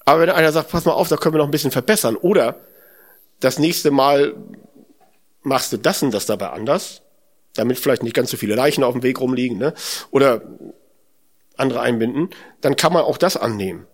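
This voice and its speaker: A man's voice: medium pitch, a little fast, pauses often. A man giving a spoken sermon in a conversational way, musing aloud, asking rhetorical questions and often adding "ne?". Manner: conversational, often adds tag "ne?".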